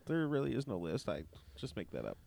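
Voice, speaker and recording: A man hosting a laid-back podcast, swearing often and mocking himself as he rambles on. His voice moves up and down a lot, sitting fairly low overall. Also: wildly swooping pitch, brisk, creaky, a little mellow, a little hiss or hum. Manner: profane, rambling, self-mocking. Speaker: podcast host. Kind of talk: casual podcast banter.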